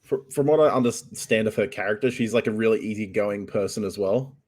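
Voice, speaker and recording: A man's voice: lowish voice, a little fast, darkish tone. A man co-hosting a casual podcast, cutting in with matter-of-fact remarks. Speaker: podcast co-host.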